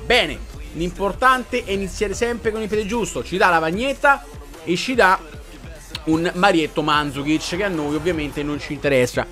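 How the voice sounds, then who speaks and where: A young man commenting on a video game pack opening, talking straight to his viewers in an excitable, chatty way. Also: high voice, normal speed, soft background music. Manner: excitable, addresses viewers as "raga". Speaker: gaming streamer.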